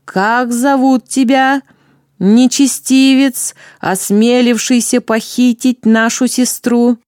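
A pitiless amazon queen hands down her sentences, as a woman reads her part. She speaks in a harsh, clipped, commanding way with a mellow voice, recorded close and dry. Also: a little high, fairly even intonation, slow pace, no room sound, voice pushed up.

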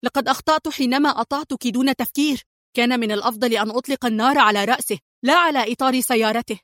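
A woman's voice: medium pitch, expressive, fairly quick, no room sound, studio quality, natural voice. A woman voicing a menacing male Italian hitman in a spy audiobook, with a mocking, hot-tempered manner. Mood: stunned, angry.

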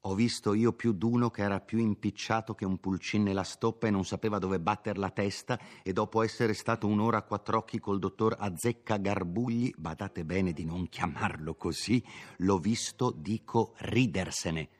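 A man's voice: lowish voice, normal speed, lightly acted. A man reading a novel aloud, voicing an older peasant mother who gives homely, folksy advice in a chatty manner. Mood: advising.

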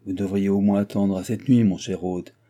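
A man voicing a grumbling old aristocratic baron who blusters and mocks, with loud outbursts, in an audiobook. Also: sits low, steady tone, moderate pace, natural voice. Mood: sardonic. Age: older. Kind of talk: audiobook character voice.

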